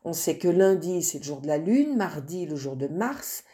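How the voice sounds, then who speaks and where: A woman teacher recording a lesson from a textbook, slow and deliberate, spelling out each word with care. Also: low voice, very animated, mellow.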